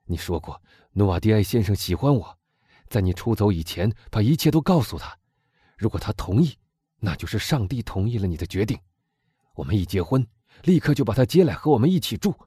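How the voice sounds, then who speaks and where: Fervent young lover guy, read by a man, urgent and pleading, husky low voice that swings all over. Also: very animated, brisk, warm tone, no echo, clean studio sound, exaggerated voice. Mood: hopeful. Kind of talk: audiobook character reading.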